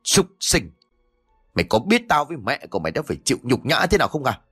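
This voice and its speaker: A man's voice: medium pitch, big pitch swings, fast talker, a bit bright, breathy edge, no echo, faint music behind. A man voicing a furious older village father who curses harshly. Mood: raging.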